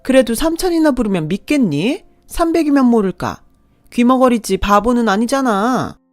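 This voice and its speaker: Woman putting on a shrill scheming older woman. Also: lively intonation, normal speed, no room sound, faint music behind, natural voice. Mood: sneering. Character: greedy scheming middle-aged woman.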